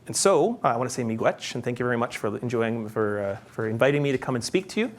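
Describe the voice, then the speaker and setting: A man giving a public talk, chatty and animated, asking his audience questions as he tells a story. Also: mid-range voice, quick pace. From Canada. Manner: conversational, asks the audience, animated when telling stories. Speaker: guest speaker. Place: conference hall.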